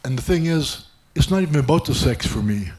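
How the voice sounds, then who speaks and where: A man's voice: a little high, lively intonation, brisk, darkish tone. A man doing stand-up, telling a rambling self-mocking story with many restarts. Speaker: stand-up comedian. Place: comedy club stage.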